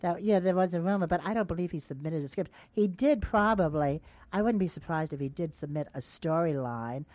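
A woman's voice: lowish voice, brisk, hardly any pauses, darkish tone, no room sound. A woman hosting a radio call-in show, chatting casually and teasing her callers in a coaxing way. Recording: dull lo-fi radio broadcast sound.

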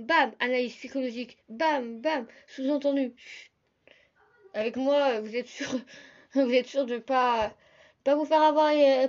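A young woman hosts a casual solo podcast, talking quickly in a chatty, lively way and often turning to address her listeners directly. Her voice sits a little high. The recording sounds slightly dull and lo-fi. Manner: fast, chatty, addresses listeners as "les gars". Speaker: podcast host.

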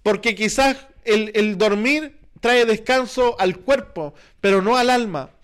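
Chilean male pastor, very high voice, earnest sermon delivery, keeps asking the congregation questions. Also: unhurried, fairly bright tone, clean tone. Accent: Chilean Spanish. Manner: earnest, repetitive preaching with rhetorical questions.

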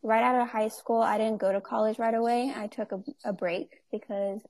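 A woman's voice: fairly high pitch, fairly even intonation, normal speed, darkish tone. A woman in her twenties chatting as an interview guest, full of fillers and easy laughs. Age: 20s. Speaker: guest, nonprofit owner. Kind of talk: casual interview chat.

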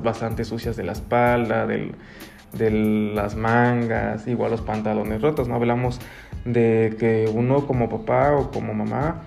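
A man, explaining earnestly to parents as a guest expert, pausing and restarting often. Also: mid-range voice, gravelly, mellow. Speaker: guest expert on child bullying. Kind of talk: radio-style talk, advising parents.

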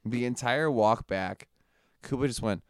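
A young man telling a story on a podcast, animated and laughing, swearing often. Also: mid-range voice, unhurried, smooth, dry recording, studio quality. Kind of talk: casual storytelling.

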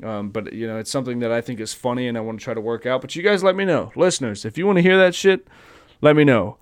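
A man's voice: mid-range voice, quick pace, smooth. A man hosting his own podcast, ranting in a casual, profane, rambling monologue. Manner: profane, rambling, mock-stammers people he imitates. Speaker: podcast host. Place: home recording, seated at phone.

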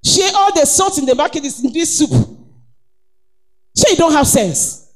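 High, lively Nigerian woman preaching. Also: normal speed. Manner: emphatic, exhorting, calls of praise. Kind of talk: sermon.

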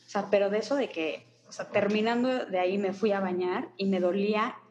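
A woman's voice: medium pitch, brisk, muffled recording. A woman with a Mexico City accent, chatting casually and telling an anecdote with quoted voices. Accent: Mexico City Spanish. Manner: chatty, slangy, expressive quoting. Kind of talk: casual storytelling chat.

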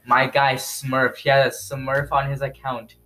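A male co-host in a casual podcast chat, excitable and fond of roasting his friends. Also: medium pitch, unhurried.

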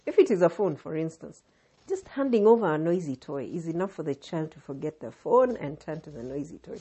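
A woman with a Kenyan accent hosting a podcast, delivering scripted narration with deliberate, emphatic phrasing. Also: low-pitched, very animated, warm tone, breathy edge. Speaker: podcast host.

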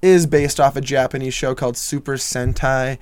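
A man's voice: medium pitch, steady tone, a little mellow, smooth. A young man co-hosting a casual movie podcast, talking loosely with lots of swearing, jokes and laughter. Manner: loose, profane and laughing, quick to joke. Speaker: podcast co-host.

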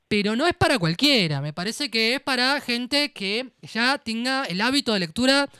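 Young man, Rioplatense Argentine accent, hesitant, bright crisp voice, dry studio sound. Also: extremely high pitch, dry recording. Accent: Rioplatense Argentine Spanish. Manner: hesitant, repeats and restarts words. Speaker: literary radio show co-host. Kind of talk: casual radio book commentary.

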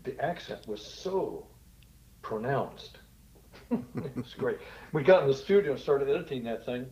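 Casting: mid-pitched man, storytelling guest who laughs easily, muffled lo-fi sound. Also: animated, a little slow, darkish tone. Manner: chuckling, storytelling. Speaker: guest, TV show host. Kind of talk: casual interview chat.

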